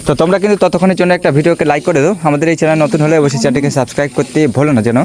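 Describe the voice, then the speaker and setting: A man's voice: fairly high pitch, fairly even intonation, racing, darkish tone. A man hosting a casual walk-through vlog outdoors, explaining things eagerly and repetitively to his viewers. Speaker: village vlogger, host. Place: outdoors at an embankment gate under repair. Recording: noisy outdoor recording with hiss.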